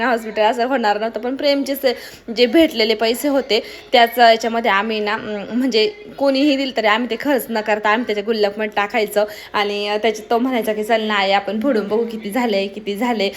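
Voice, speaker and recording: A young woman narrating her family's day in a casual, rambling way, full of fillers. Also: on the high side. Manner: chatty, rambling storytelling with many fillers. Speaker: family vlogger.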